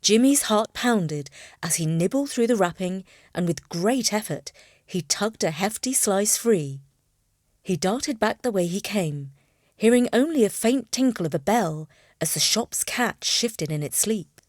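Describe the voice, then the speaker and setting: Expressive woman reading a children's story. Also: mid-range voice, a little slow, no echo, studio quality. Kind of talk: scripted storybook narration.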